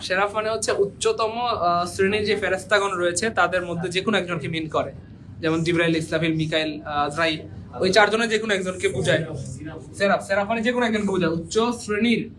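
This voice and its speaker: A man's voice: sits high, fairly quick. This is a male teacher. He runs an exam-prep grammar class in a playful, teasing way and keeps asking the students the same questions. Faint noise sits under the recording. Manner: joking, quizzing students with repeated questions.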